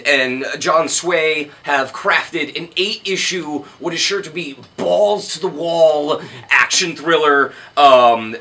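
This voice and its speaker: A man's voice: on the high side, pushed and bright. A man co-hosting a comic book recommendation show, chatting casually and enthusiastically with lots of ums and jokes. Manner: enthusiastic, filler-heavy, joking. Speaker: comic shop show co-host.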